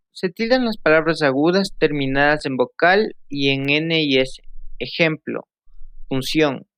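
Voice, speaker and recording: A young man from Ecuador reads through spelling rules and example sentences, now and then tripping over a word and repeating it. His voice sits fairly high, and the recording is dry and close. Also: a bit bright, dry recording. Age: young adult. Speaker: student. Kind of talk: reading a spelling lesson aloud.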